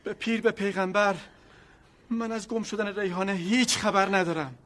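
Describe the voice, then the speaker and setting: A man's voice: high voice, steady tone, a bit bright. An actor playing a father who pleads that he had nothing to do with his missing daughter, defensive and hurt in a television drama. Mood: pleading.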